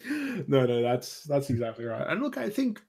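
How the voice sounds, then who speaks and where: A man's voice: medium pitch, very animated, normal speed, gravelly, a little mellow, husky. A man co-hosting a podcast in casual chat, rambling with lots of fillers and casual swearing. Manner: rambling, full of "like" and "you know", swears freely. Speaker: podcast co-host.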